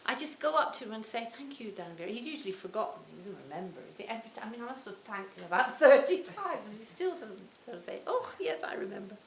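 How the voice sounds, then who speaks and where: Her voice is fairly high, sing-song and creaky, rushing along with few pauses. Still, this woman in her sixties speaks reflectively and warmly to a retreat audience in a Buddhist talk, her phrases fading gently at the ends. The recording is roomy, with faint hiss.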